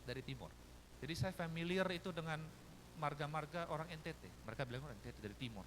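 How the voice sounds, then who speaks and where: A man's voice: on the high side, quick pace, a bit bright, slight background noise. A male pastor from Jakarta with a Betawi Jakarta accent, preaching a sermon and telling stories in which he acts out other people's voices. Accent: Betawi Jakarta Indonesian.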